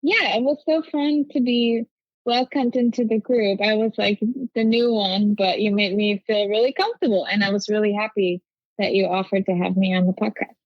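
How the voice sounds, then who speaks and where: A young woman who grew up in Germany, German her first language, talks in a bright, chatty way as a guest on a podcast. Her voice sits at a middle pitch. The recording is dry with no room sound, and a bit dull in the highs. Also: fairly even intonation, normal speed, no echo. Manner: chatty, upbeat, with frequent "like" and "you know". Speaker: guest, quilt pattern designer. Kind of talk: casual interview chat.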